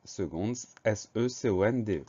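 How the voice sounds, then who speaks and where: A man's voice: lowish voice, moderate pace, dark tone, breathy edge, lo-fi sound. A man teaching a spelling lesson for children, patiently spelling each word letter by letter.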